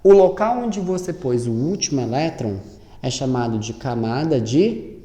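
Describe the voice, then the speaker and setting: A man teaching chemistry, lively, asking and answering his own questions and spelling out each step slowly. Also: mid-range voice. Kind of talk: classroom lesson at a board. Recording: roomy echo with long reverb.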